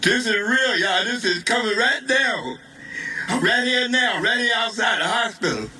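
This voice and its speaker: A man's voice: very high voice, animated, moderate pace, pushed and bright, distant mic, slight background noise, rough recording. A shaken man, filming on a phone outdoors and pleading urgently, repeating himself. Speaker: bystander filming a street scene. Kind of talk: urgent live phone report. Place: outdoors on a city street. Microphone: phone held in hand.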